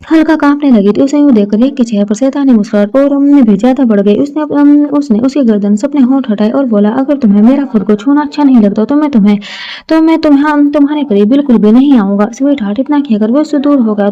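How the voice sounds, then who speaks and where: Mellow-voiced woman narrating a romance. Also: on the high side. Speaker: storyteller. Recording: dull lo-fi recording.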